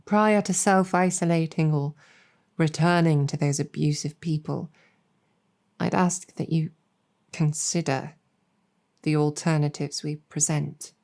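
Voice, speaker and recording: A woman's low voice, with fairly even intonation, carries an improvised ASMR roleplay in which she portrays a demon general who is gentle, earnest, and world-weary. She speaks softly, offering reassurance with measured hesitation.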